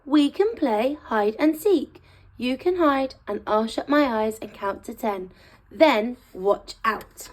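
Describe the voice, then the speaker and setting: A woman reads as an eager young puppy in a children's storybook. The storytime voice is high, friendly and exclaiming, with slow, clearly spaced words. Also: expressive. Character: eager, friendly young male puppy playing hide and seek.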